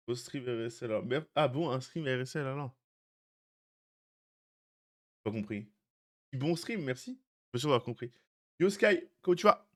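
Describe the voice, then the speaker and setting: A man's voice: mid-range voice, a bit bright. A young man streaming live, chatting casually with his viewers, greeting them by name and teasing them. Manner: chatty, greets chat by name, jokey asides.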